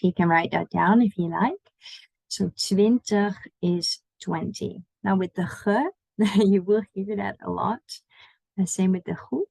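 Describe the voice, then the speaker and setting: A woman's voice: mid-range voice, creaky, a little mellow, husky, no echo, poor audio. A woman giving an online language lesson, patiently explaining pronunciation and inviting the listener to repeat after her. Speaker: language teacher.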